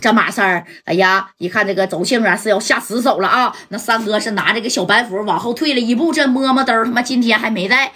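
Chatty female storyteller, husky bright voice, asides to listener. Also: on the high side, quick pace, hardly any pauses. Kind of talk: colloquial oral storytelling.

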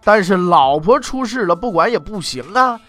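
A man's voice: high-pitched, animated, moderate pace, fairly bright tone, soft background music. A man telling history in traditional comic storytelling style, with wry, mocking asides.

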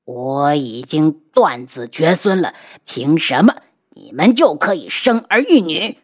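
A woman's voice: low-pitched, big pitch swings, measured pace, breathy edge, heavily acted. A woman voicing a ruthless, haughty, unhinged male martial-arts villain in an audiobook. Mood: furious.

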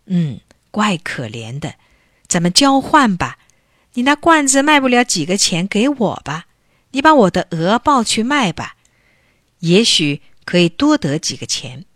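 A woman voicing a poor, kind-hearted male farmer who speaks in slow, sympathetic murmurs. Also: medium pitch, sing-song, fairly bright tone, no room sound, studio quality. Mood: kindly.

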